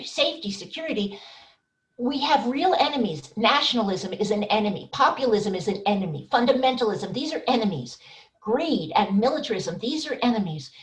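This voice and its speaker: Earnest woman panelist, echoey and distant. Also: fairly high pitch. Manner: earnest, emphatic, thinking aloud. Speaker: panelist, theater maker and teacher. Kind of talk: panel discussion remarks. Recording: roomy, distant mic.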